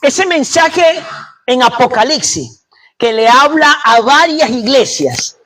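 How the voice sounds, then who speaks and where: A man preaching a sermon in a very high voice. He hammers his points home, repeating phrases and calling out questions to the congregation. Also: expressive, slow pace, fairly bright tone. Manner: emphatic, repeats lines, asks the congregation "¿aló?".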